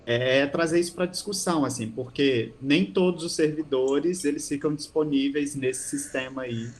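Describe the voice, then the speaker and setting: A man's voice: fairly high pitch, moderate pace. A man taking part in an online training meeting, speaking earnestly and hesitantly with fillers. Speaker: participant.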